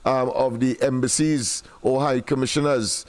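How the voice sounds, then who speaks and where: A man's voice: medium pitch, fairly even intonation, normal speed, dry recording. A man hosting a political talk show, speaking in formal phrases with frequent hesitations and restarts. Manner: hesitant, many fillers and restarts, formal wording.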